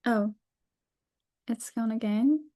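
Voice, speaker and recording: Young woman from North Korea, Korean native, webinar speaker; slow, careful delivery with frequent fillers and restarts. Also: fairly high pitch, mellow. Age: young adult. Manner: careful and halting, frequent fillers and self-corrections. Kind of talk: presentation over a video call.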